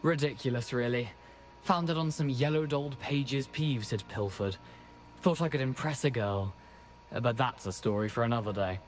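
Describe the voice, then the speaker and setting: An actor voicing the ghost of a beheaded, mischievous gentleman in a video game, with a genteel, chatty and wry manner. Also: mid-range voice, normal speed, faint music behind, close to an everyday voice.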